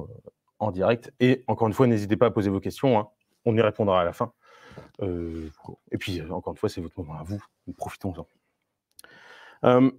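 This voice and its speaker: Casual low-voiced man giving a tech talk. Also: a little mellow, dry recording, studio quality. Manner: conversational, many fillers and restarts, playful asides to the audience. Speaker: Scrum Master giving a meetup talk. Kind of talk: live online meetup talk.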